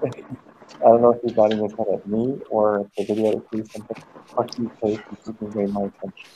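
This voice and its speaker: In a casual group voice chat, an American man tells a long, rambling, profane story, now and then snapping at friends who cut in. He talks fast in a fairly low, dark, level voice. The lo-fi chat audio is dull, with a little hiss or hum.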